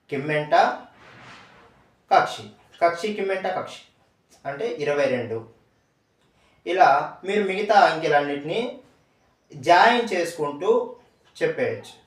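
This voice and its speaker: A man's voice: fairly high pitch, distant mic. A man giving a patient step-by-step language lesson, repeating each word twice and quizzing the listener. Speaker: language teacher. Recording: echoey room, away from the mic.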